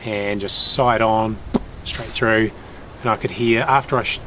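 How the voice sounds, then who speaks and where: Male outdoor vlogger, broad New Zealand accent, lowish voice, laid-back casual talk, slight background noise in the bush. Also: steady tone, a little slow, pushed and bright. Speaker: solo hunting vlogger. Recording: noisy outdoor ambience.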